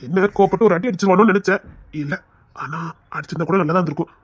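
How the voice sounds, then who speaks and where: A man's voice: high voice, racing, no echo, muffled recording. A man voicing a proud, devoted elder brother and husband who soothes and reassures. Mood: firm. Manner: soothing, affectionate, firm. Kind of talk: audio drama acting.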